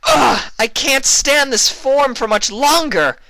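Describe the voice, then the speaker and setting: A proud young pony princess from a storybook, acted out by a man, pitched far above his natural voice. She is petulant and easily flustered, with a whiny, indignant edge. The sound is bright, clean and dry. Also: slow, creaky, no room sound, heavily acted. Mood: exasperated, indignant.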